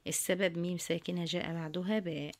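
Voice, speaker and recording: A woman with an Egyptian accent walks students through workbook answers at a quick clip. Her voice sits a little low for a woman. She reads each question, dictates the answer and then says it again. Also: fairly even intonation. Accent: Egyptian Arabic. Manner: addresses students fondly, repeats each answer. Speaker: teacher.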